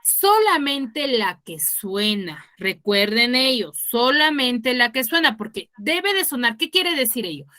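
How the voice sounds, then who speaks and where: Woman teacher quizzing pupils online; bright, clear voice, unhurried delivery. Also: a little high, sing-song. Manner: quizzing students, explains patiently. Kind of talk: online class instruction. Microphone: video call.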